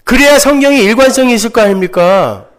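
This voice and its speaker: High-pitched, animated Korean man preaching. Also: fast talker. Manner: emphatic, asks the congregation rhetorical questions. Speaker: pastor. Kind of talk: sermon.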